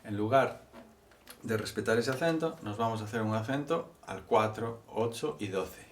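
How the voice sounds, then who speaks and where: A man's voice: fairly low pitch, animated, moderate pace. A man teaching bouzouki rhythms in a vlog, patiently explaining and counting beats aloud. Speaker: music teacher. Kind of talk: instructional vlog. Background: loud bouzouki playing.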